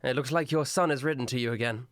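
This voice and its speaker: A man's voice: medium pitch, quick pace, clear, resonant tone, no room sound, studio quality, close to an everyday voice. A man voicing an ordinary, easily alarmed mailman in a pirate tabletop game. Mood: friendly.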